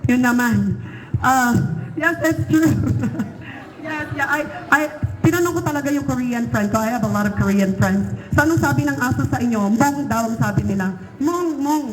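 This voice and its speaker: High-voiced Filipino woman reading aloud. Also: brisk, slight background noise, poor audio. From Philippines. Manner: chatty asides, laughs, asks the audience questions. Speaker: storyteller reading to students. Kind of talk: reading a picture book aloud, mixing in Tagalog.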